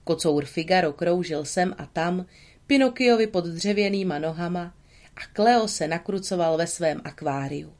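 A woman narrating a children's storybook in a calm, even way. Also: on the low side. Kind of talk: storybook reading.

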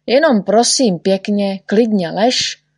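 A woman's voice: medium pitch, a little mellow, breathy edge, no room sound, clean studio sound. A woman voicing a fussy, patient little male doctor who soothes and chides his patient. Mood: soothing. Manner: soothing, chiding.

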